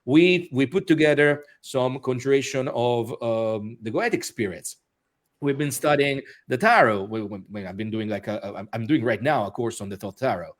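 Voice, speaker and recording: A man's voice: medium pitch, expressive, moderate pace. A man speaking as an interview guest, talking casually with many restarts and fillers and laughing often. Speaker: interview guest, author and musician.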